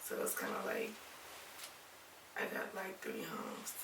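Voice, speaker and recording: A young woman from Alabama, raised in Ohio, chatting casually in an interview, relaxed and rambling with lots of "like". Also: unhurried, distant mic, noisy background. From Alabama, raised in Toledo, Ohio. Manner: relaxed, rambling, many "like" fillers. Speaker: rapper and singer, interview guest. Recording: echoey room, voice off-mic.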